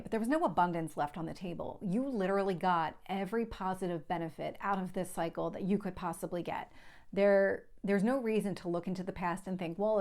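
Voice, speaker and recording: Her voice is on the low side and a little mellow, with a slight lisp. She's a tarot reader and channel host giving viewers a conversational reading, reassuring as she explains and frequently going back over her points.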